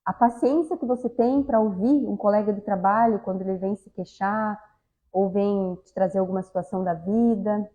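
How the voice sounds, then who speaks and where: A woman's voice: mid-range voice, fairly even intonation, normal speed, mellow, rough recording. A woman giving a spiritist talk, speaking conversationally and often addressing the audience directly. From southern Brazil. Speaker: lecturer at a spiritist center.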